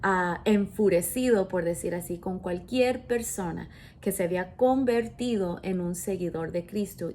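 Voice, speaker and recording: Slow-speaking woman pastor preaching. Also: mid-range voice, slight background noise. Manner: slow, emphatic preaching with self-corrections. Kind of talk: sermon with Bible reading.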